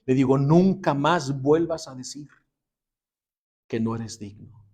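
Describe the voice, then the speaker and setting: A man's voice: medium pitch, takes it slowly, breathy edge. Man telling a story in a Bible class. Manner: dramatic retelling, dropping to a hushed voice for emotional lines.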